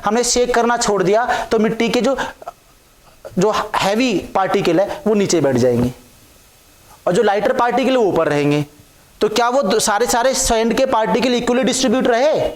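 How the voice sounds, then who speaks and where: A man gives a chemistry lecture. He keeps asking the class questions and repeats each new term several times. The sound is echoey, as if recorded in a bare teaching room. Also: very high-pitched.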